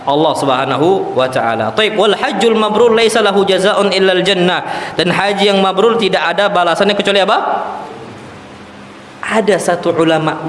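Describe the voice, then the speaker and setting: A man preaching a sermon in a mosque, telling stories and asking his audience questions he answers himself. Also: high-pitched. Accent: Indonesian, South Sumatran. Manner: lively storytelling, asks and answers his own questions. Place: large mosque hall. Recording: echoey hall, faint room hum.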